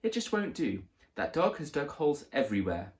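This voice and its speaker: A man voicing a posh, snobbish older woman landlord with a squeaky voice, in a storybook reading. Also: very animated, brisk. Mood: indignant.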